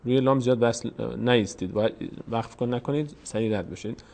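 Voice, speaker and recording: A man teaching a step-by-step Quran reading lesson, patiently explaining each vowel mark and repeating words slowly. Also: medium pitch, darkish tone.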